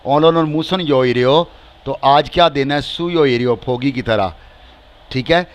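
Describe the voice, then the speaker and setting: A man with a Pakistani accent teaching a language lesson, slowly repeating each word and then giving its translation. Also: mid-range voice. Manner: slow and repetitive, stretching each word and repeating phrases with translations.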